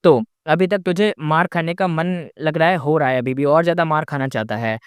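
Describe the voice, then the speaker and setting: A man's voice: on the high side, moderate pace, clear, resonant tone, no room sound, studio quality, natural voice. A man voicing a ruthless young male noble who taunts and threatens in a sarcastic, cold way. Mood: angry. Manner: mocking, sarcastic, coldly threatening.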